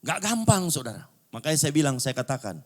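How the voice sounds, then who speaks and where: A middle-aged male pastor with a Manado accent preaching a sermon in a booming, vibrating voice, blunt and loud, dropping now and then to low asides. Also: very animated, brisk. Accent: Manado Indonesian. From Manado, Indonesia.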